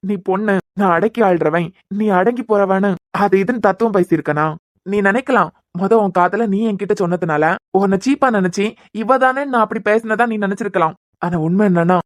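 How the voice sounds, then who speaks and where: A woman's voice: mid-range voice, darkish tone, no echo, clean studio sound, natural voice. A woman with a Kanyakumari Tamil accent voicing an earnest, apologetic young man in a cartoon serial. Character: earnest young man pleading with his love.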